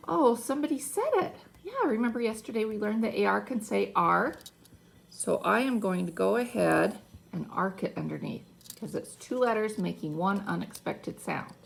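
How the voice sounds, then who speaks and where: A woman teacher giving a phonics lesson to young children, animated and full of mock surprise. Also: medium pitch, moderate pace, gravelly.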